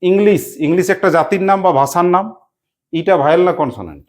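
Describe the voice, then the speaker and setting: A teacher giving a classroom lesson, quizzing pupils with repeated questions and briskly praising correct answers. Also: medium pitch, lively intonation.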